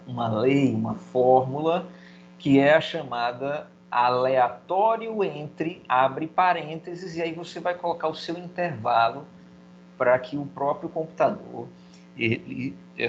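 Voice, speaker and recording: A man's voice: mid-range voice, dull audio, slight background noise. Man teaching a recorded video lesson. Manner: explains step by step, voices student questions. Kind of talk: video lecture.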